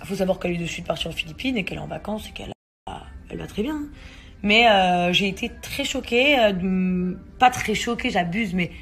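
A young woman, a mother and vlog host, casually telling a story to camera with many hesitations and animated quoted dialogue. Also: mid-range voice, fairly quick, soft background music.

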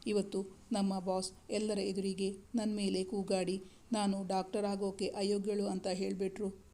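A woman voicing a young woman doctor who speaks in a pleading, tearful, halting way. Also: mid-range voice, flat delivery, dark tone, lightly acted. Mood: hurt.

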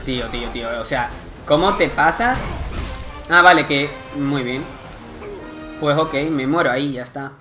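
A young man from Spain with a Spanish accent, commenting live on his gameplay, excitable and swearing often in frustrated outbursts. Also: on the high side, moderate pace, long pauses, faint music behind. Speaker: gaming youtuber.

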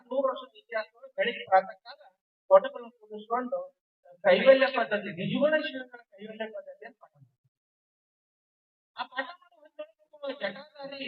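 A man giving a devotional discourse to a seated gathering, telling stories with repeated emphatic phrases. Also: very high voice. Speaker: religious speaker. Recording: distant, tinny phone-like sound.

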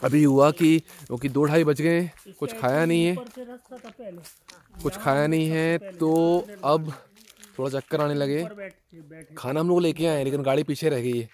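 A man in his thirties, a travel vlogger, talking casually to a camera he holds at arm's length as he walks a hill path and crawls into a narrow dark cave. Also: a little high, fairly even intonation, moderate pace. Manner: chatty, talks to the camera while walking. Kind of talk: casual travel vlog narration. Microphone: handheld camera at arm's length.

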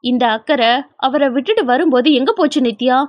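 Woman voicing a sharp, scolding elder sister-in-law. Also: high voice, expressive, normal speed, muffled recording.

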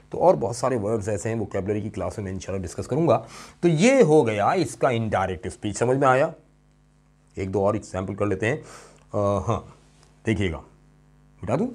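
Slow, emphatic male English teacher. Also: lowish voice, darkish tone. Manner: explains step by step with questions to students; slow and emphatic over key words. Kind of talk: classroom grammar lesson.

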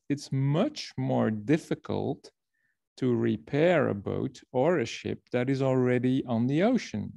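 Over a video call, a Belgian man with a gravelly, dark, mid-range voice presents to a workshop, explaining and telling a long story while occasionally repeating words. The sound is dry and close, with no room sound.

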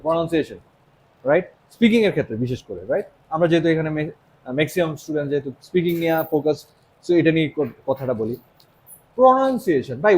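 A man's voice: on the high side, a little mellow, slight background noise, rough recording. A young man from Bangladesh with a Bangladeshi accent, giving a casual motivational English lesson and often asking "right?". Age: young adult. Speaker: English teacher.

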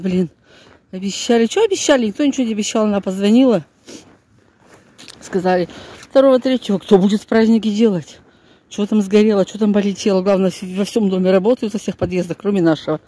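This older woman vlogger, speaking with a Northern Russian accent, has a mid-range, dark-toned voice and a brisk delivery as she walks and grumbles casually to her audience. She films herself with a handheld phone on snowy residential streets, briefly in a stairwell and on a bus. The recording is noisy, with ambient street sound.

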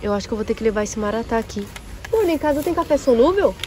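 A young woman who owns a café vlogs casually while shopping in a large warehouse supermarket, chatting to viewers and comparing prices aloud, her fairly high voice expressive and racing. She films on a phone at arm's length indoors, with noisy store ambience.

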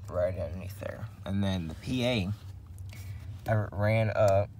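A vlogger shows off the CB radio setup in his truck, walking through it casually and hands-on in and around the parked vehicle. His deep, slightly slow, somewhat mellow voice rambles and hesitates, often repeating phrases. The handheld recording is noisy, with vehicle ambience.

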